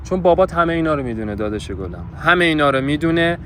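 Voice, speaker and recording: Outdoors in a park, a young man pulls a hidden-camera street prank, talking in a brash, pushy, mock-scolding way full of teasing banter. His voice is on the high side, expressive, and fairly bright, with background music and slight background noise.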